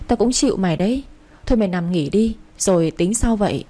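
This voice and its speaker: Here is a chatty young woman in a storybook romance, a loyal best friend who fusses and teases, as a narrator voices her. Her voice is mellow and warm. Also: medium pitch, lively intonation, brisk, lightly acted. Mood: fussing. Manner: teasing, fussing.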